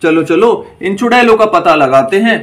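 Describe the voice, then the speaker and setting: A man's voice: sits high, animated, normal speed, a bit bright. A man narrating a toy-doll story in an eager, exclaiming, repetitive way.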